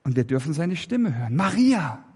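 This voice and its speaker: A man preaching a sermon, emphatic and full of rhetorical questions, swinging between raised and hushed delivery. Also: sits high, expressive, a little slow, big-room sound.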